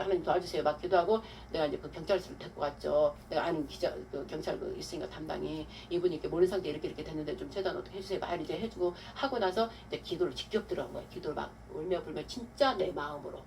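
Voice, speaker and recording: A woman pastor giving a testimony-style sermon, telling her story with animated, acted-out quotes. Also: fairly low pitch. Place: church hall. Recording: distant mic with faint room noise.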